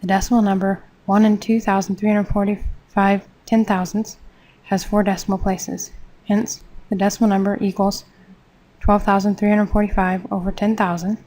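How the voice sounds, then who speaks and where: Woman reading out a math textbook lesson, pretty monotone, steady and measured. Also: mid-range voice, rough recording. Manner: steady, measured, step-by-step explanation. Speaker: math teacher.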